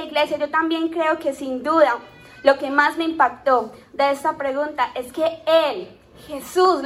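A woman preaching a sermon, lively and talking straight to the congregation with playful asides. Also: high-pitched.

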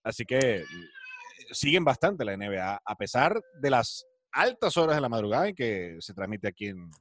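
A man's voice: mid-range voice, big pitch swings, moderate pace, a bit bright. A man hosting a sports talk show, presenting in a conversational way.

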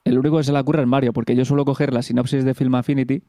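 A man's voice: mid-range voice, little pitch movement, rapid-fire, dark tone, a little hiss or hum. A man with a Castilian Spanish accent co-hosting a show in casual chat, colloquial and sweary, often repeating himself insistently. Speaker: co-host of a film talk show.

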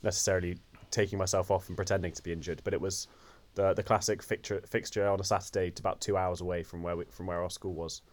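A young man from England on a podcast, telling a story in a low-key, self-mocking way. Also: level tone, fast talker, few pauses. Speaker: podcast co-host. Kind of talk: casual chat.

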